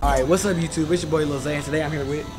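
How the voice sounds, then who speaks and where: A young man hosting quick interviews with strangers in a shopping mall, running through a set intro and question in a loud, upbeat way. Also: fairly high pitch, steady tone. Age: young adult. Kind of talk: casual street interview. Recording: loud music in background.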